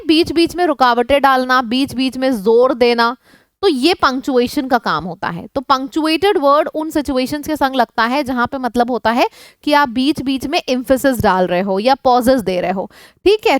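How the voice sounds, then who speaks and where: A woman's voice: high-pitched, dry recording, clean studio sound. A woman teaching English vocabulary in Hindi for an online exam class. She speaks with an Indian accent, mixes Hindi and English, asks the class questions, and repeats lists of synonyms. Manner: switches between Hindi and English.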